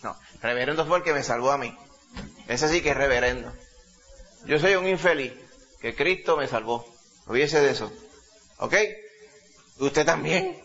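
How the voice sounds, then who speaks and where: Emphatic preacher. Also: male voice, a little high, fairly bright tone. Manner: emphatic, rhetorical questions to the congregation. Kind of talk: sermon. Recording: dull lo-fi recording.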